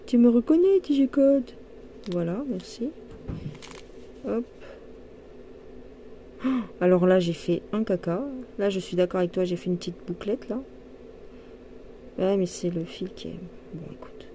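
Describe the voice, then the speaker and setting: Woman, craft vlogger, mellow tone, playful chatty delivery. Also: lowish voice, steady tone, measured pace, long pauses, a little hiss or hum. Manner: chatty, playful, puts on a jokey accent. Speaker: cross-stitch vlogger. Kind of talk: casual chat while embroidering.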